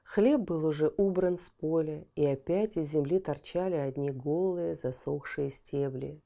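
Reading a children's fairy tale audiobook, a woman tells the story expressively and at times lowers to a hushed voice. She's low-pitched and unhurried, with vocal fry.

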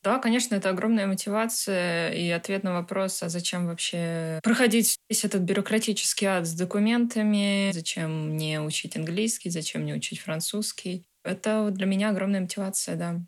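A woman in her twenties, a filmmaker, answering interview questions in a calm, reflective and earnest way. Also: mid-range voice, fairly quick, few pauses. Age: 20s. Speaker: guest filmmaker.

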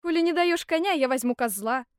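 A woman's voice: high-pitched, expressive, brisk, no echo, studio quality, pitched above the performer's own voice. A woman reading a storybook aloud, voicing a boisterous, cocky young simpleton man who whoops and boasts. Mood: whooping. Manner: loud whooping, brash and gleeful.

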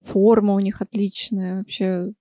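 A woman's voice: medium pitch, flat delivery, a little slow, warm tone, dry recording. A woman co-hosting a podcast, bantering casually with jokes and easy swearing. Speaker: podcast co-host.

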